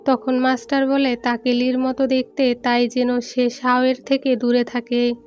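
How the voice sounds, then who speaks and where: A woman narrating a film recap in a steady, even storytelling read, with soft music underneath. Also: high-pitched, unhurried, smooth. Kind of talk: scripted movie recap narration.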